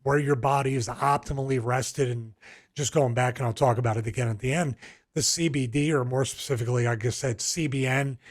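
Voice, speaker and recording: A man's voice: mid-range voice, steady tone, brisk. A middle-aged man with a Philadelphia accent, co-hosting a podcast in casual, rambling chat full of restarts. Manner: rambling, storytelling with frequent restarts and fillers. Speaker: podcast co-host.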